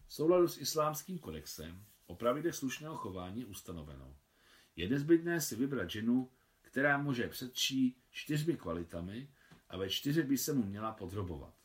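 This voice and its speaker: A man reading aloud, voicing a self-assured young woman doctor who talks in a playful, gently mocking way. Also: medium pitch, big pitch swings, lightly acted. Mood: teasing.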